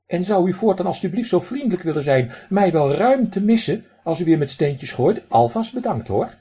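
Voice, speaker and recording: A man voicing a stern, sharp-tongued male duck in a storybook reading, with a raw quacking voice and a reproachful, sarcastic manner. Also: high voice, big pitch swings, moderate pace, slightly rough, pitched above the performer's own voice, heavily acted. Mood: scolding.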